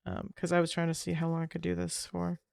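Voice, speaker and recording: Woman, streamer, casual rambling chat, smooth resonant voice, dry close sound. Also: fairly low pitch, completely flat delivery, quick pace, a little mellow, dry recording. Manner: rambling, trailing off, self-correcting. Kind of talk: casual chat while gaming.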